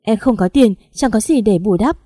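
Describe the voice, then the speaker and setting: A woman's voice: mid-range voice, animated, normal speed, dark tone, dry recording, clean studio sound, natural voice. A woman reading the lines of a desperate young wife who pleads tearfully for forgiveness in an audio story.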